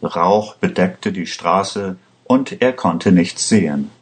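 Ein Mann liest eine Geschichte gemessen und gleichmäßig vor. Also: male voice, deep voice. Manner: measured, even reading. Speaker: narrator. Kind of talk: scripted story narration.

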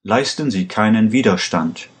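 A man reading a story aloud, voicing a corrupt policeman who speaks calmly, steadily and with command. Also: on the low side, a little slow. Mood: calmly threatening. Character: calm menacing corrupt male policeman.

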